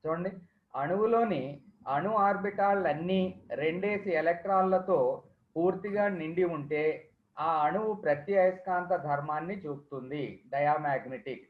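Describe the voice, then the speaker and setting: A man with a Telugu accent teaches as in a classroom, mixing Telugu and English and repeating key terms as he explains. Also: fairly high pitch. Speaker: chemistry teacher. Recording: echoey room, thin phone-like sound.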